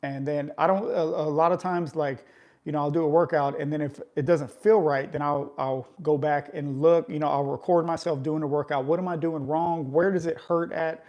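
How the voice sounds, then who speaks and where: In a recording with the highs cut off, a man in his forties talks workouts with his live audience at a moderate pace, his voice a little high and his intonation fairly even. He's a fitness vlogger with a chatty coaching style who keeps tagging remarks with "right?".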